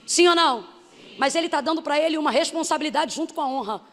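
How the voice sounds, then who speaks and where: A woman missionary preaching a sermon with emphasis, building to shouts. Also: sits high, fast. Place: church hall. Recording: hall reverb.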